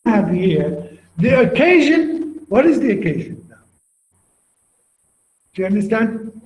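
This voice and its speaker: A man with an Iraqi accent, Arabic his first language, giving a university literature lecture, slowly repeating himself and quizzing students by name. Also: high-pitched. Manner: slow, repetitive, questioning students by name. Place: classroom. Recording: echoey lo-fi classroom recording.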